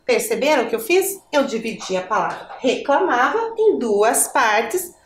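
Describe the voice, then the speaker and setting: A woman's voice: on the high side, big pitch swings, unhurried, roomy sound, a little hiss or hum. A woman teacher with a Brazilian Portuguese accent, giving a patient lesson to children and asking the viewer questions.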